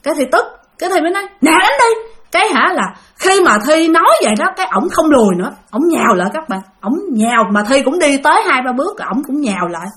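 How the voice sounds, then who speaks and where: A woman's voice: high voice, big pitch swings, quick pace, fairly bright tone. A woman casually telling a spooky first-person story, referring to herself in the third person and speaking directly to her listeners.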